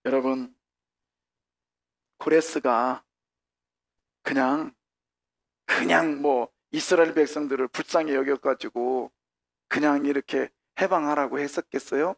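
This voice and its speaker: Gravelly-voiced Korean pastor preaching. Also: male voice, fairly high pitch, unhurried, long pauses. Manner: animated preaching, acting out dialogue with shouts. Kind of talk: sermon. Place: church sanctuary.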